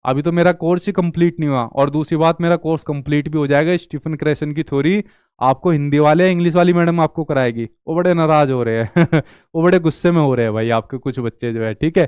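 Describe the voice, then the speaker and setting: Male tutor, lecture delivery, quizzes and answers himself, clear resonant voice, slightly high. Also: fairly quick, a little mellow, dry recording, clean studio sound. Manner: repeats questions to the class and answers them himself. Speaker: teacher. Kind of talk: online exam-prep lecture.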